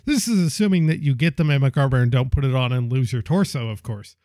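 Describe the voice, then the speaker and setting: A young man co-hosting a podcast brainstorms in a rambling way, laughing often and full of fillers and restarts. His medium-pitched voice is mellow and fast, recorded at studio quality with no echo.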